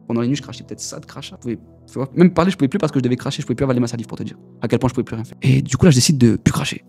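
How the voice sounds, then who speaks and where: A young man pours out his story in a rapid, headlong flow, his voice mellow and a little dark. He talks in loose street slang, repeating himself as he goes. Faint music sits under his voice. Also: mid-range voice. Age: young adult. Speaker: guest giving a testimony. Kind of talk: casual spoken testimony.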